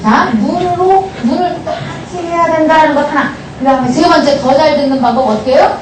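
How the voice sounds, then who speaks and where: A woman giving a lively lecture on family communication to a live audience, acting out dialogues between parents and children. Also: high-pitched, fairly quick. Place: large hall with audience. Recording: echoey hall, distant mic, noisy.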